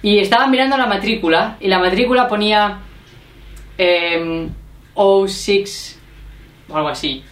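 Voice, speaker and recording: A woman's voice: mid-range voice, unhurried, long pauses. Chatty woman in a roomy space. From Spain. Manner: chatty, laughing storyteller. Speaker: vlogger. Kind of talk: casual chat. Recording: roomy echo.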